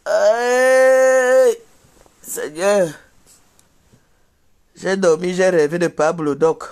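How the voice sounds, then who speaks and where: A high-voiced, slow-talking old woman, put on by a man, who groans about her aching bones and grumbles the same complaints again and again. She is quick to take offence, dwelling on how annoyed she is. A live comedy character bit. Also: fairly even intonation, darkish tone. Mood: groaning. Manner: groaning, sighing, repetitive grumbling. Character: grumpy achy old woman, easily annoyed.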